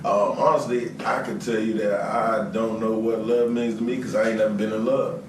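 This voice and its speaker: A man from Washington, D.C. on a talk panel, answering in a halting, casual way. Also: lowish voice, flat delivery. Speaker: actor and comedian on a panel. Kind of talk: panel discussion. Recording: echoey room from far off with noise.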